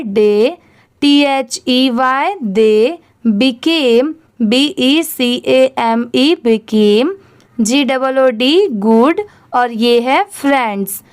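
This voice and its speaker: Indian woman as reading teacher: high, smooth voice, unhurried letter-by-letter spelling, quizzes then answers herself. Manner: spells words letter by letter, then asks and answers how to pronounce them. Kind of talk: slow spelling-out reading lesson.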